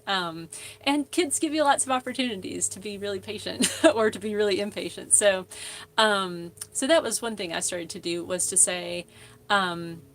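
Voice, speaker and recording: A woman's voice: medium pitch, fairly bright tone. Chatty woman hosting a live Q&A. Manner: chatty, rambling, many fillers and restarts. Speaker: host of a live Q&A. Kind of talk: casual live-stream chat.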